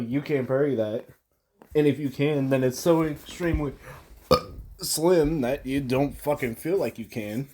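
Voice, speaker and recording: A man's voice: medium pitch, warm tone. A young man casually recapping a frustrating game boss fight, rambling, slangy and full of swearing. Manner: slangy, profane, rambling with restarts. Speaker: gamer recounting a boss fight.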